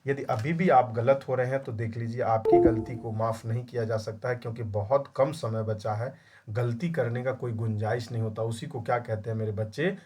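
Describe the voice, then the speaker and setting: A man's voice: mid-range voice, fairly even intonation, normal speed, over loud music. A young man teaching a Hindi grammar exam-prep class, scolding his students and drilling answers by repeating each question. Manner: scolding, calls students "my child". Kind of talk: online class lecture.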